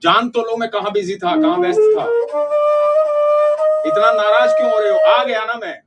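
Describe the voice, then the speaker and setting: A man's voice: high voice, animated, normal speed, highs cut off, pitched above the performer's own voice. Coaxing little cowherd boy, voiced by a man. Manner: pleading, coaxing. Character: sweet young cowherd boy, coaxing and playful. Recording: distant voice over loud flute music.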